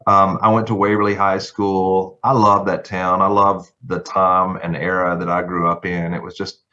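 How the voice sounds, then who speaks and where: A middle-aged man with a Southern Tennessee accent talks through his past in an easygoing, folksy way. His voice sits very low. The sound is a bit dull and lo-fi. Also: level tone, moderate pace. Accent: Southern American. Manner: folksy, warm storytelling with laughs. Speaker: guest lawyer. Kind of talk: casual podcast interview.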